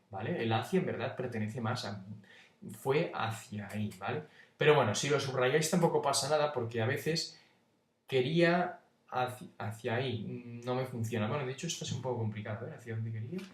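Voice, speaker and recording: A teacher gives an informal exam-prep lesson, stopping at almost every step to ask his students "¿vale?" His medium-pitched voice sounds far from the microphone in an echoey room.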